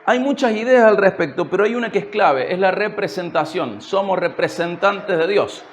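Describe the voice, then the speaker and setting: A man's voice: high-pitched, expressive, moderate pace, a little hiss or hum. A man from Córdoba with a Cordobés Argentine accent, preaching an expository sermon in church and asking his congregation questions with light humor. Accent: Cordobés Argentine Spanish. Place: church service.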